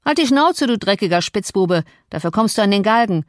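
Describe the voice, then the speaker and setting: A woman playing a loud, gruff male servant. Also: medium pitch, lively intonation, brisk, no echo, clean studio sound, natural voice. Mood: shouting. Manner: gruff, shouting accusations. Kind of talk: audiobook reading.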